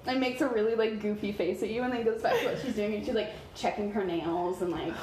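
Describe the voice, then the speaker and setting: A woman's voice: mid-range voice, fast talker, a little mellow. Rambling woman game master. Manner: rambling, filler-heavy storytelling. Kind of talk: narrating a tabletop game. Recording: roomy, noisy recording.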